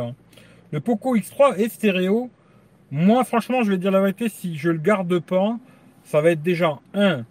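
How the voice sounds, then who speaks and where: A man's voice: fairly high pitch, darkish tone. Crude rambling man on a live stream. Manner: crude, rambling, says "tu vois" constantly. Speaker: YouTube tech channel host. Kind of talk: casual live-stream chat.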